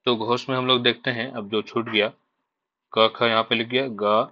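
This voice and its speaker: A man teaching an exam revision lesson, slowly listing letters one by one. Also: medium pitch, level tone. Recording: dull lo-fi sound.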